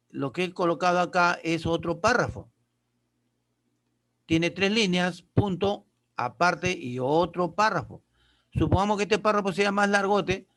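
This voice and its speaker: A high-pitched, fairly bright male voice delivers a patient lesson. The teacher explains things by raising questions and answering them himself, with short questions to check understanding.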